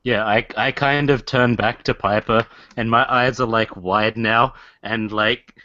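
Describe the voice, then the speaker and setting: A man describes his character's moves in a tabletop role-playing game, talking slowly and rambling through fillers. The recording is dry and dull, with no room sound. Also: on the low side, steady tone, bright, forceful tone, dry recording. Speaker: player.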